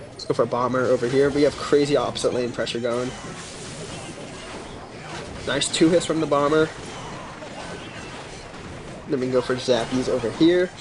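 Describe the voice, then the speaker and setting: A man's voice: mid-range voice, noisy background. A man casually commenting on his own gameplay during a live stream, laid-back and mumbling asides as he reacts to chat. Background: game music.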